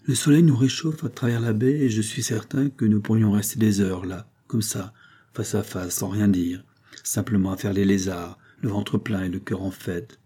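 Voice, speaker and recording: Man narrating a novel, low, dark, husky voice, measured first-person read. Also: fairly even intonation. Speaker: audiobook narrator.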